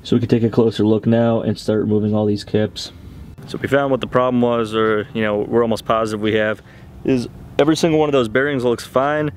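A man's voice: fairly low pitch, slight background noise. A young man hosting a car-repair vlog outdoors, talking to the camera in a casual, profane way as he works. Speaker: channel host. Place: outdoors on a street beside a car.

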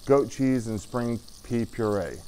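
A middle-aged man, an executive chef, talking through a dish while cooking at a studio stove, casual and halting with lots of ums. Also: mid-range voice, a little mellow, a little hiss or hum. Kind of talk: cooking demo interview.

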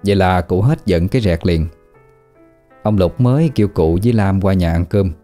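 A man narrating a ghost story in an unhurried, folksy way. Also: low-pitched, mellow, soft background music. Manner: unhurried, conversational folksy telling.

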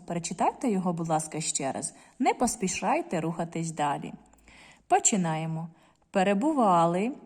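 A woman teacher giving a recorded reading lesson to children, reading words slowly and carefully with clear stress. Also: medium pitch, darkish tone, long reverb tail. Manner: slow careful word-by-word reading, stressing syllables.

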